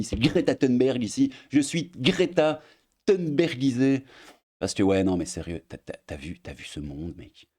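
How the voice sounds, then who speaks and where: A man's voice: deep voice, creaky, dark tone. A young Belgian man with a Belgian French accent, ranting casually to his audience in a mocking, crude way, full of fillers. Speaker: streamer. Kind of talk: casual rant to camera. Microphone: desk mic at editing setup.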